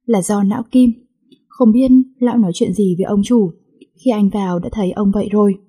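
A woman's voice: medium pitch, fairly quick, mellow, husky, close to an everyday voice. A woman voicing a loyal young family aide who speaks steadily and reassuringly. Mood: urgent, steady.

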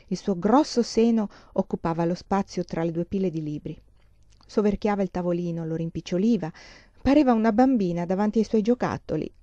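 A woman reading a novel aloud in a calm, measured way, on a slightly dull lo-fi recording. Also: mid-range voice, dry recording. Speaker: audiobook reader. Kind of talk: literary audiobook narration.

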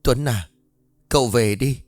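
A man's voice: medium pitch, unhurried, a little mellow, no echo, faint music behind, close to an everyday voice. A man doing a heartbroken young woman. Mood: grieving. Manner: choked, tearful. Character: heartbroken poor young woman, choked with grief.

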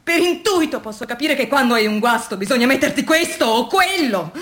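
High-pitched, expressive and fairly quick, the voice belongs to an actress playing an exasperated factory worker, worn out and anguished. She confides in her diary across a dramatic radio monologue, now hushed, now forceful.

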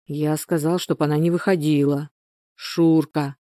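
A woman reading the lines of a pushy, hot-tempered married man in an urgent, gruff manner. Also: sits low, flat delivery, measured pace, mellow, no echo, clean studio sound. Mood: pleading.

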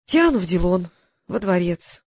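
An earnest teenage boy hero of a fantasy storybook, voiced by a woman. He talks quietly and thoughtfully, low and a bit soft. The sound is dry and near. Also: big pitch swings, unhurried, no room sound.

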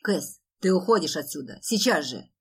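A woman's voice: low voice, animated, normal speed, slightly rough, full character voice. Woman voicing a snarling, jealous brother. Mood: enraged. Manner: shouting, snarling accusations. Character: furious jealous young man, older brother.

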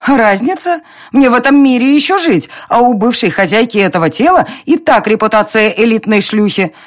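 A narrator voicing a quick-tempered young woman in an audiobook. She speaks high and sharp, and her indignant lines jump in pitch. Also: lively intonation, no echo, clean studio sound, natural voice. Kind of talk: audiobook reading.

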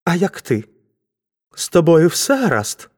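A woman's voice: on the low side, big pitch swings, unhurried, darkish tone. A woman voicing an anxious young man who talks hesitantly and pleads. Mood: pleading. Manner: hesitant, wheedling.

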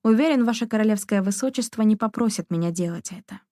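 A woman reading the lines of a proud nobleman, curt and icy, in a mellow, dry voice. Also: medium pitch, quick pace, no room sound, natural voice. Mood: cold. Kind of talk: audiobook character reading.

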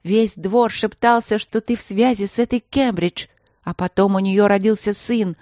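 A woman reading a novel aloud, voicing a desperate, furious queen who shouts and sobs accusations at her husband. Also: mid-range voice, fairly even intonation, normal speed, no echo, clean studio sound, voice pushed up, natural voice. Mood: anguished fury.

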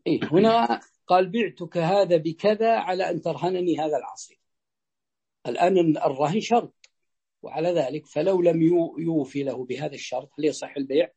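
A gravelly, husky male sheikh explains a legal text to his students. His voice is a little high but dark and mellow. He repeats key phrases and keeps checking whether they follow. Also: brisk. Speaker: sheikh teaching Islamic jurisprudence.

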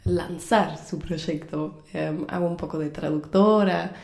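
A woman from Belgium speaks Spanish with a strong Argentine accent in a low, mellow voice. She is a cheerful, hesitant guest who uses many fillers. The room is echoey, with faint music behind. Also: steady tone, slow pace, vocal fry. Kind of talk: casual radio interview.

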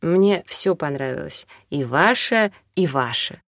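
A calm, firm young man, read by a woman narrator in an audiobook. He speaks quietly and unhurriedly in a low, even voice. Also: unhurried, no echo, studio quality, full character voice.

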